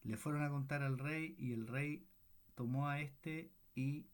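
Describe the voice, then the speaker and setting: A man leads a Bible study in a slightly high, steady voice, frequently asking the group questions and checking in as he works through the passage. He's unhurried and thoughtful, sometimes restarting his sentences.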